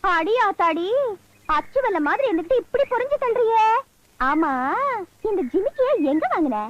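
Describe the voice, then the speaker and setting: An actress playing a bold, sharp-tongued village woman who teases loudly in quick banter, in a film scene. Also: extremely high pitch, sing-song, lo-fi sound, background noise. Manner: teasing, loud, rapid banter. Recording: film soundtrack with music.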